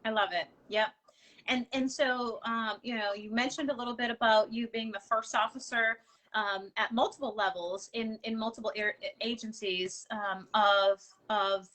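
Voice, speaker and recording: A woman hosting an interview, warmly affirming her guest. Her voice sits a bit high and sounds bright. She fills her questions with um and you know. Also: steady tone, moderate pace, rough recording. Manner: enthusiastic, affirming, many fillers. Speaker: host. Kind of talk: interview conversation.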